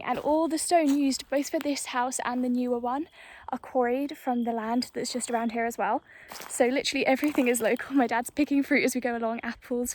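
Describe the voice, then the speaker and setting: A woman's voice: a little high, darkish tone. A young woman vlogging casually outdoors on hillside farmland, talking loosely to a handheld camera with fillers and laughs, a little out of breath from walking uphill. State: slightly out of breath. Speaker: travel vlogger.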